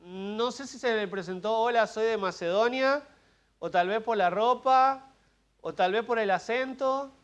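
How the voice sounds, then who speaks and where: Argentine man, pastor, high voice; preaches through a text in a chatty way, joking and asking the congregation questions. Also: a little slow, a bit bright. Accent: Argentine Spanish. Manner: conversational preaching with asides, humor and questions to the congregation. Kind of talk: expository sermon. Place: church service.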